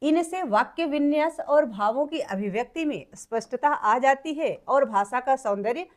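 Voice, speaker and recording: A woman with a high voice explains a grammar lesson to children. She goes step by step, repeats each point and rephrases it in simpler words, the way a patient classroom teacher does. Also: animated, normal speed.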